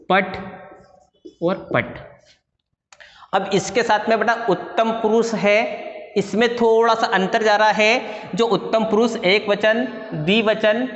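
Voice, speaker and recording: A man with a fairly high voice teaches grammar to his class, patiently reciting each ending one after another. The sound carries a long hall reverb and comes through dull and lo-fi. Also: a bit bright. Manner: patient, drills endings in slow recited lists and addresses students fondly. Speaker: school Sanskrit teacher.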